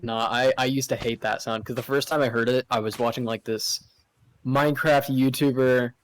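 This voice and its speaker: A man's voice: medium pitch, steady tone, normal speed, slight background noise. A man co-hosting a casual podcast chat with friends, telling a story in an easygoing way. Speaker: podcast co-host.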